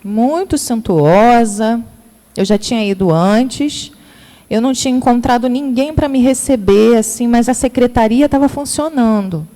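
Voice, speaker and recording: A woman's voice: a little high, normal speed, dark tone. A woman in her thirties with a Rio de Janeiro accent gives a spiritist lecture and tells her story by acting out the dialogue. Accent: Rio de Janeiro Portuguese. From Brazil. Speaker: speaker at a spiritist center. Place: spiritist center lecture hall. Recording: long hall reverb.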